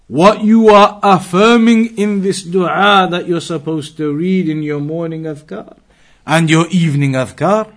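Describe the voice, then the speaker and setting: An Islamic teacher with a high, slightly bright male voice gives a religious lesson. His delivery is didactic and emphatic, repeating key phrases and reciting quotations.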